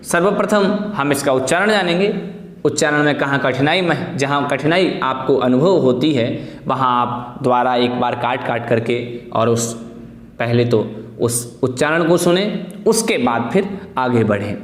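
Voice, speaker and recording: A man from India teaching a devotional hymn class, explaining pronunciation patiently and chanting the verses slowly. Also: medium pitch, expressive. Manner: patient, repeats words slowly for pronunciation drill. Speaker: religious teacher. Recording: roomy echo with long reverb.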